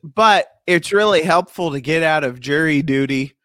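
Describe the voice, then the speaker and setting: A man's voice: on the high side, moderate pace, pushed and bright, no room sound, clean studio sound. A man making crude jokes and laughing often in a casual chat with friends, on painkillers.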